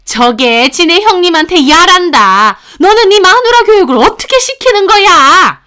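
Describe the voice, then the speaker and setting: Woman doing a shrill scolding mother-in-law. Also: animated, a little slow, bright, forceful tone, exaggerated voice. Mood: furious. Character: sharp-tongued scolding older mother-in-law.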